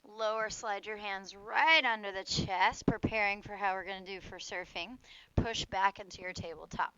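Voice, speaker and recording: A woman instructor guiding a warm-up yoga class outdoors, giving short cues for moves and breath in a casual, playful way. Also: medium pitch, fairly even intonation, normal speed, smooth, muffled recording.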